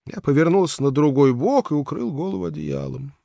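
A man narrating a humorous short story as an audiobook, in a measured storytelling manner that sinks to a murmur. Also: a little high, lively intonation, gravelly, mellow, dry recording, studio quality.

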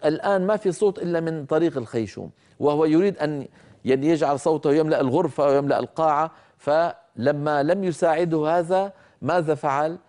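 A man teaching Quran recitation rules, explaining carefully and demonstrating sounds slowly, sometimes scolding common mistakes. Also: fairly high pitch, a little mellow. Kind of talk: tajweed lesson with spoken demonstrations.

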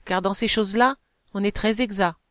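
A woman's voice: mid-range voice, fairly even intonation, normal speed, dry recording, clean studio sound, lightly acted. A woman voicing a distraught young wife who speaks in a feverish, anguished way. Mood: tense.

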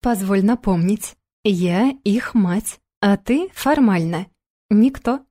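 A woman's voice: medium pitch, expressive, slow, dark tone. Woman doing a sneering blonde ex-wife. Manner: sneering, sugary, condescending. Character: scornful mocking blonde ex-wife and mother.

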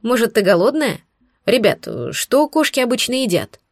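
A woman voicing a commanding young male demon prince in an audiobook, stern and measured. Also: a little high, lively intonation, dry recording, clean studio sound. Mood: cooing.

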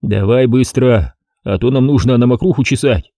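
A man voicing a gruff, impatient middle-aged police chief who talks in slang, in an audiobook. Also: medium pitch, normal speed, dark tone, dry recording, studio quality, close to an everyday voice.

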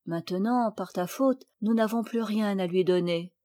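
A woman reading aloud, voicing a kind, sensible girl who gently reproaches a younger child. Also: mid-range voice, measured pace, natural voice. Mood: gentle, reproachful.

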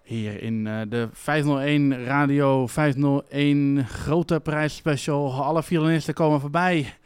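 A man's voice: a little high, steady tone, a little slow, clean tone, no room sound. A man presenting on the radio between songs in a casual way, hesitating often with fillers. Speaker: radio host.

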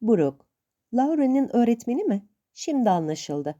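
A stern, bossy old aunt scolds and lectures in a raised, lively voice, as a woman reader puts her on. The tone is mellow and dark. The storybook recording sounds dull and lo-fi. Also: on the high side, measured pace, pitched above the performer's own voice. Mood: scolding.

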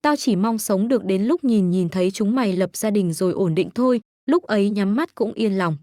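A woman reading the part of an elderly grandmother who gently scolds her grandchild with affection. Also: mid-range voice, normal speed, dry recording, clean studio sound, close to an everyday voice. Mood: fond.

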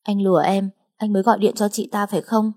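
A woman voicing a distraught, clingy young woman who pleads and threatens in shrill outbursts in an audiobook. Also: level tone, fast, a little mellow, close to an everyday voice. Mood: hysterical. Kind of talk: audiobook character voice.

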